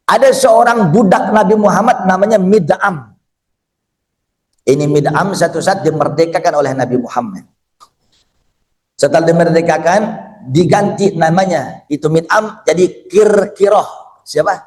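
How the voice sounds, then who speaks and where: A man preaches to an audience in a high, lively voice. He tells a story, swings between quiet asides and sudden shouts, and keeps asking the audience whether they follow. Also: a little slow. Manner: addresses the audience directly and often. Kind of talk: sermon.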